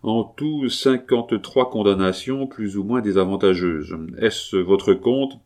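A man reading a stern, measured police chief. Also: lowish voice, darkish tone, lightly acted. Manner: severe, measured, authoritative. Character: stern cunning middle-aged police chief.

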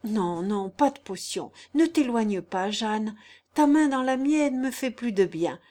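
A sickly young nobleman, lovesick and anguished, reproachful in every line, as a woman reader voices him. The pitch stays fairly high with raised emphasis. This is storybook acting in an audiobook. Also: animated, measured pace, warm tone. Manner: impassioned, reproachful. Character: pale, feverish young male baron, lovesick and anguished. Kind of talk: audiobook character reading.

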